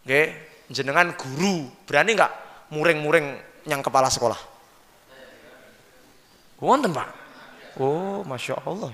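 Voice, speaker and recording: A man with a Javanese accent giving a lively sermon, often questioning his audience directly. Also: a little high, a little slow, long pauses. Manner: lively, questions the audience, mixes in local words. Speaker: preacher. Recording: long hall reverb.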